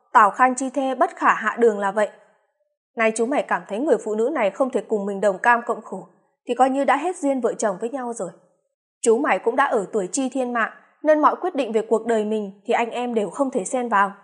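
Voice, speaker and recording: A woman reading the part of a wise older eldest brother, speaking slowly and in measured tones. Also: very high-pitched, fairly bright tone. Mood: solemn. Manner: slow, measured lecturing.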